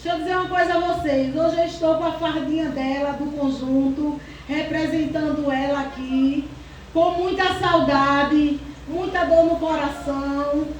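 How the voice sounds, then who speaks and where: Woman, church testimony, fervent, holding back tears, very high voice, echoey hall, far from mic. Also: fairly even intonation, moderate pace, slight background noise. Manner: fervent, exclaims praise often, holds back tears. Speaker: church member giving testimony.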